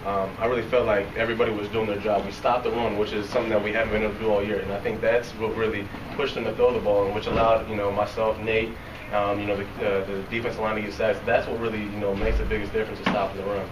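A young football player gives a post-game press interview indoors in a locker room press area, talking fast, softly, and quickly, in a flat, low voice with many fillers and restarts. Reporters' recorders are held close, yet the recording is roomy, distant, and noisy, with the highs cut off.

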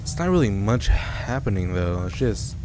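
A man's voice: fairly low pitch, very animated, normal speed, over music. A young man hosting a gaming channel, joking around and talking back to the game and its characters as he plays. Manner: jokey, talks to the game and its characters. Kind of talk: casual gameplay commentary.

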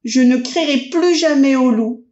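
A mischievous little boy rabbit, played by a woman, cries out in high, shrieking alarm for a children's storybook. The voice sits far above a grown woman's own, piercing and excitable. The audio rings in a roomy space and sounds a bit dull and lo-fi. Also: a little slow. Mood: relieved scolding.

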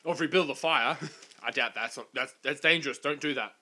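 A man's voice: medium pitch, brisk, sharp tone. A man in his twenties chatting casually as the host of a vlog. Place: living room couch. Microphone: desk microphone in front of two people.

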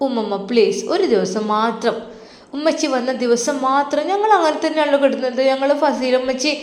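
A woman voicing a curious little girl who asks questions in a high childish voice. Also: moderate pace, lightly acted. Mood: pleading, curious. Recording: roomy echo.

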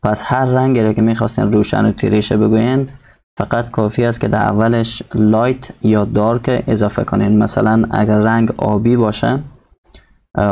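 A man with a low, gravelly, mellow voice teaches a recorded textbook lesson. He reads English sentences very slowly and translates each one. His tone stays flat throughout.

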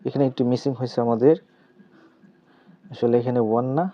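A man's voice: medium pitch, steady tone. A man teaching a chemistry lesson step by step with a Bangladeshi Bengali accent, asking questions aloud and answering them himself. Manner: asks questions aloud then answers, repeats terms slowly. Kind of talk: step-by-step tutorial explanation. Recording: slightly dull lo-fi recording.

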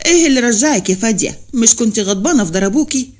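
A woman's voice: a little high, expressive, rapid-fire, a little mellow. A woman reading as a stern, proud Upper Egyptian husband. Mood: commanding. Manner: commanding, curt.

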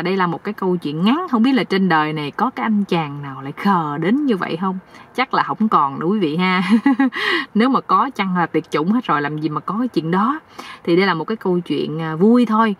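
Woman, husky, comic storytelling, talks to listeners. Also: fairly low pitch, recorded from a distance, lo-fi sound. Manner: lively, addresses the audience. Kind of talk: telling a comic folk tale.

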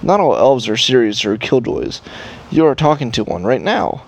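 A man's voice: mid-range voice, sing-song, moderate pace, gravelly, breathy edge, exaggerated voice. Cheerful male elf bard from a video game, lofty theatrical delivery, read by a man. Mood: playful. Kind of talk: reading game dialogue aloud.

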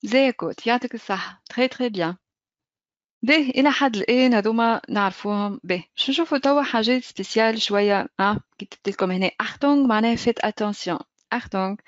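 A woman with a Tunisian accent teaches German pronunciation in an online lesson. She talks fast in a fairly high voice and keeps checking in with her students. The sound is dry and a little dull. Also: no room sound.

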